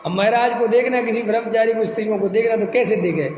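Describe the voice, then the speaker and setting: A man giving a spiritual discourse, mocking and teasing with rhetorical questions and quick imitations. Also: sits high, a little mellow. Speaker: Jain spiritual teacher. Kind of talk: discourse lecture. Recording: echoey hall, faint noise.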